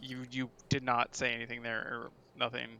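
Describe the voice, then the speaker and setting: Male player, bright voice, casual and jokey, voice chat. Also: mid-range voice, completely flat delivery, a little fast, clear, resonant tone. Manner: jokey, chatty, laughs often. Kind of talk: casual tabletop game chat.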